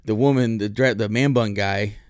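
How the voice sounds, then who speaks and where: A man's voice: fairly low pitch, moderate pace, no room sound, studio quality. A man hosting his own show, telling a rambling, profane story in a casual monologue. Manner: rambling, profane, lots of fillers. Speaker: podcast host.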